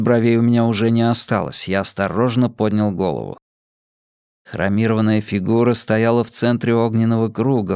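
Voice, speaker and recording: Steady male audiobook narrator. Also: lowish voice, clear, resonant tone, no room sound, studio quality.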